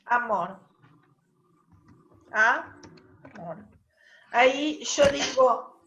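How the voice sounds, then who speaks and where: A woman's voice: high-pitched, a bit bright, dull audio. A woman teacher, explaining a grammar rule step by step in an online class and checking in with her students. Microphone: video call.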